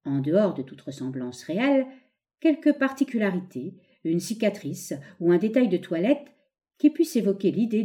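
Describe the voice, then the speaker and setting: A woman reading an essay aloud as scripted narration, expressive and leaning on key words. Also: medium pitch. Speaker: audiobook reader.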